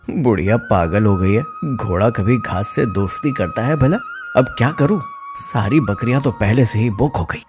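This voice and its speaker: A man's voice: medium pitch, wildly swooping pitch, moderate pace, over music. A man voicing a greedy, scheming young goat thief who wheedles and mocks with a sly tone.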